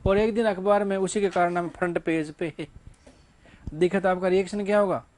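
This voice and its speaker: High-voiced man teaching grammar. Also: fairly even intonation, moderate pace, a little mellow. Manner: asks the class rhetorical questions and answers them himself; casual, joking asides. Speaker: English teacher. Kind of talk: classroom grammar lecture.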